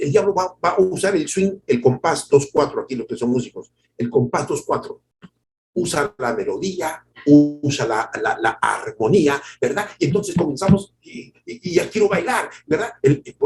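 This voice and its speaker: Animated pastor preaching. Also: male voice, a little high, moderate pace, soft background music, rough recording. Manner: animated preaching, acts out quotes, repeats words. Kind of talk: sermon.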